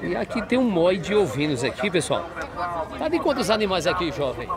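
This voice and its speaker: Talking fairly quickly in a high-pitched voice full of big pitch swings, a market reporter wanders a crowded outdoor livestock fair. He questions sellers and echoes their prices for his vlog audience amid crowd chatter and animal sounds.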